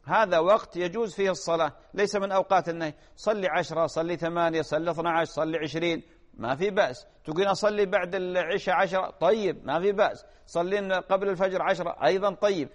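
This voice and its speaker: A man, preaching and answering viewers' questions, earnest and admonishing, then gently reassuring. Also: sits high, steady tone, quick pace, big-room sound. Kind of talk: religious talk show answers.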